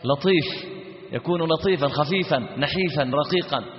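A Libyan-accented man with a fairly high voice teaches Quran recitation, quizzing his students and answering for them. He intones the examples slowly and repeats them over and over. The audio is dull and lo-fi, with long reverb from a hall. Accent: Libyan Arabic. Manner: asks students questions and answers them himself. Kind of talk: recitation lesson with chanted examples.

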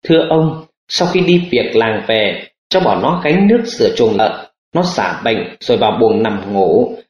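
A man's voice: lowish voice, lively intonation, moderate pace, roomy sound, highs cut off, voice pushed down, lightly acted. A man voicing a deferential female household servant in an audiobook.

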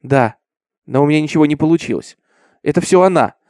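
A man's voice: on the high side, animated, brisk, a little mellow, dry recording, studio quality, lightly acted. A man voicing a terrified young peasant girl accused of witchcraft, pleading and stammering. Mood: confessing.

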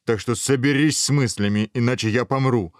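A man voicing a hungry, blustering male ogre in a storybook tale, gruff and scolding. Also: medium pitch, brisk, no room sound, studio quality, voice pushed up, close to an everyday voice. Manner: gruff, scolding, then faint and dying.

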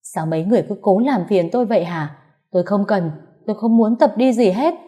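Brief: woman playing an embittered sick old mother-in-law, loud, high and hurried, mellow tone. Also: natural voice. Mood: furious. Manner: shouting, rapid, resentful. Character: bitter bedridden elderly mother-in-law, furious.

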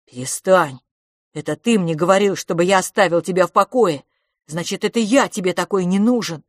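A woman's voice: lowish voice, fairly quick, dry recording, studio quality, close to an everyday voice. A woman voicing Franciscus, a frightened and loyal boy who pleads urgently and tearfully. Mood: pleading.

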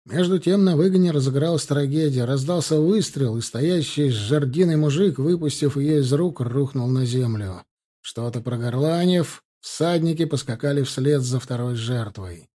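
A man narrating an audiobook story in a measured, scripted way. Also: medium pitch, warm tone.

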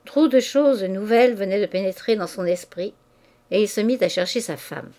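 A woman reads a classic novel aloud at a measured, even pace. Her voice sits in a middle register. The delivery stays steady and composed. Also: mid-range voice. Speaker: audiobook reader. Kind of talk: audiobook narration.

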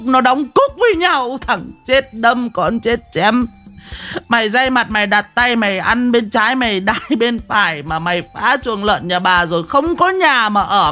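A man doing a shrill cursing village woman. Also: bright, forceful tone, exaggerated voice. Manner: wailing, rhythmic cursing tirade. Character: shrill foul-mouthed village woman, furious.

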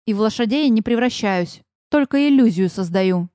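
A woman voicing a suspicious, sharp-tongued young fairy woman who speaks with mockery. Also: a little high, expressive, moderate pace, dry recording, studio quality, voice pushed down, close to an everyday voice. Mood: scornful. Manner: mocking, scornful.

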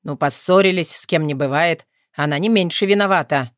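An easygoing young man, as a woman narrator voices him, relaxed and placating. It is a low, plain reading voice, recorded dry and close. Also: brisk, no room sound, natural voice.

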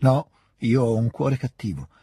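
A man's voice: mid-range voice, lively intonation, measured pace, warm tone, breathy edge, no room sound, studio quality, voice pushed up, heavily acted. A man reading aloud, voicing a bitter, spiteful young princess who speaks in vehement outbursts. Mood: indignant. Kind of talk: audiobook reading.

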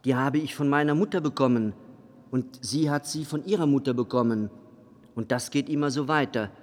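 A man's voice: mid-range voice, fairly quick, darkish tone, natural voice. A man playing a poor, anxious old barrel organ player, talking in a pleading way. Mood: protesting. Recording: long reverb with faint music behind.

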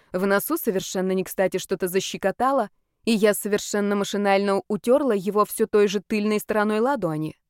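A woman narrates an audiobook in an even, measured way. Her voice is smooth and clear at a middle pitch. The recording is dry and close to the mic. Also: dry recording.

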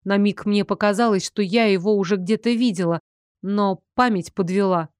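A woman narrating a first-person fantasy novel in a steady, expressive storytelling voice. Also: mid-range voice, normal speed, clear, resonant tone, no room sound, studio quality. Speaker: audiobook narrator.

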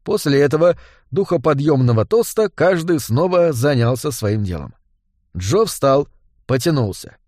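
Expressive male audiobook narrator. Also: mid-range voice, measured pace, no room sound, clean studio sound. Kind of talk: scripted narration.

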